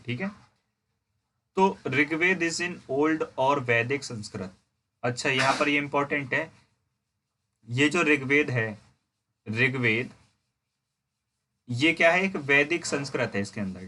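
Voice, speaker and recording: A man teaching a history lesson in Hindi. He reads English lines slowly, explains them, and asks and answers his own questions. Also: fairly high pitch, sharp tone, a little hiss or hum. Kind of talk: classroom lecture explaining a textbook.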